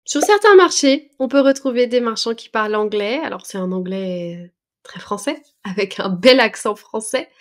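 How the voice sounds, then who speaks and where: Woman, French teacher, fairly high voice, patient step-by-step explaining, light hesitations. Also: expressive. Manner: patient, breaks words down slowly with fillers. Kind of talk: explaining language lesson.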